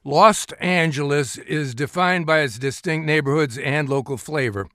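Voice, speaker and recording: Self-satisfied, evasive corporate spokesman, breezy delivery, somewhat raised pitch, dry recording. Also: moderate pace, pushed and bright, no room sound. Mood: breezy, proud. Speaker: interview guest, company spokesman. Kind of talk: mock radio interview.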